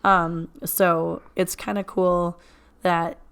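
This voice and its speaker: A woman hosting a teaching podcast, a little hoarse after nearly losing her voice, chatting casually with many fillers. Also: lowish voice, drawn-out words. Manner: relaxed, conversational, lots of fillers. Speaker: podcast host. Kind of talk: casual chat.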